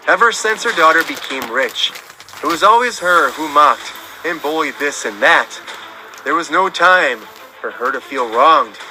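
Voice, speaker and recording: A man narrating a serialized story in an even storytelling manner. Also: a little high, low-quality recording. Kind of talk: scripted narration.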